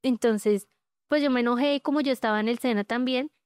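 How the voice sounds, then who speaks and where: A woman giving a candid personal testimony as a podcast guest, talking in a halting way with many fillers. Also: on the high side, darkish tone, clear, resonant tone, dry recording, clean studio sound. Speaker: guest sharing her story.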